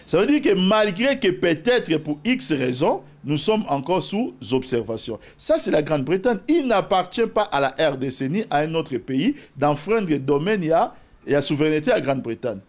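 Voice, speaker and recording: His voice is on the high side and moves at a moderate pace. A political guest from Bas-Congo, DR Congo, he argues his case in a debate with a Congolese accent, animated and argumentative, quoting scripture as he goes.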